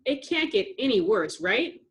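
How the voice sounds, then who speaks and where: A woman's voice: a little high, big pitch swings, measured pace. A woman voicing a sensible little girl who leads her sisters, directing and reassuring them.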